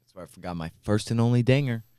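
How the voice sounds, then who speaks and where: A man's voice: mid-range voice, fast talker, dark tone, smooth, dry recording. A young man co-hosting a podcast, swearing freely and telling boastful stories. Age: young adult. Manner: crude, swearing, boastful storyteller. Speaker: podcast co-host. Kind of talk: casual chat.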